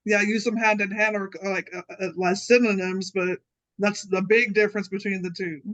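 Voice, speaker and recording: A woman's voice: mid-range voice, flat delivery, normal speed, fairly bright tone, rough recording. A woman co-hosting a podcast, chatting casually in a supportive, agreeing way. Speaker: podcast co-host. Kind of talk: casual interview chat.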